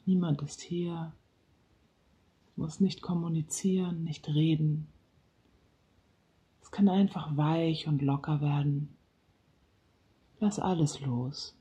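A relaxation guide speaking softly and slowly, sometimes dropping into a whisper, leading a guided relaxation. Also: medium pitch, fairly even intonation. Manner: slow, soft-spoken, partly whispered.

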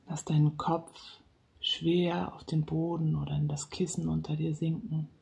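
Relaxation guide for a calming session: very slow, soft delivery with some whispered lines, low gravelly texture.

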